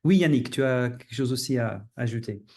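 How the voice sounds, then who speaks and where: A man hosting a podcast in a casual, halting way, often restarting his phrases. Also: medium pitch, darkish tone. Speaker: podcast host.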